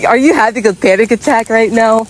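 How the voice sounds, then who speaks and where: A woman talks slowly and easily as she walks a country road, filming on her phone. She chats away and coos at animals in a sweet, coaxing way, and steady outdoor noise sits clearly behind her voice. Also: a little high. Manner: chatty, talks to animals in a coaxing baby-talk voice. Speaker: vlogger. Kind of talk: casual vlog walking with animals.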